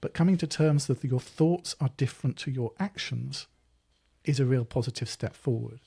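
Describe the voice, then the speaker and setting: Podcast host, man, thoughtful and rambling, dark gravelly voice. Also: medium pitch, normal speed. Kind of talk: interview chat.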